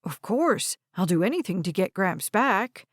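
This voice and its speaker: A greedy, scheming man, voiced by a woman narrator, smooth and pushy in his speech. It is a dry, close audiobook recording. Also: mid-range voice, sing-song, unhurried, no room sound. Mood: insistent.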